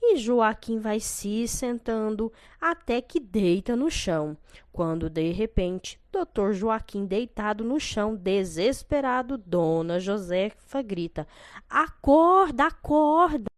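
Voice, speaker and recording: A woman with a Brazilian Portuguese accent reading a soap opera recap in a steady storytelling way. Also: mid-range voice, takes it slowly, no room sound, clean studio sound. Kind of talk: read narration.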